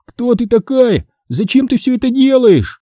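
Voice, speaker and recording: A man voicing a terrified twelve-year-old boy with shrill, pleading cries, recorded dry and close. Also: big pitch swings, normal speed, warm tone, no room sound. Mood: panicked.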